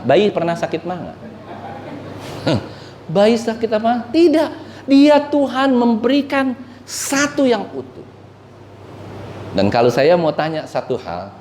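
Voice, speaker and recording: A man's voice: medium pitch, a little mellow, slight background noise. A male pastor preaching a conversational sermon, quizzing the congregation and joking with them. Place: church. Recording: echoey church hall.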